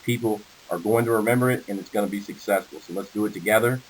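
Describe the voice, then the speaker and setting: On a hissy, low-quality conference call, an American man gives a casual sales presentation, taking listeners through his slides. His voice is on the low side and his pace quick.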